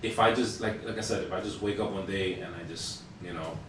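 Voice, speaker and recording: A man co-hosting a podcast in relaxed, casual chat, swearing now and then. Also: sits low, brisk, background noise. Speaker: podcast co-host. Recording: roomy echo, distant from mic.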